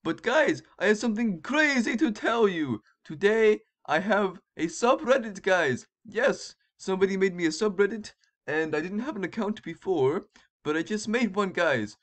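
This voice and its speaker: A man vlogging to his viewers in an excited, chatty way, with a just-woken-up morning voice. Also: high-pitched, moderate pace. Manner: excited, addresses viewers as guys. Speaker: YouTuber. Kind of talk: casual vlog narration while typing.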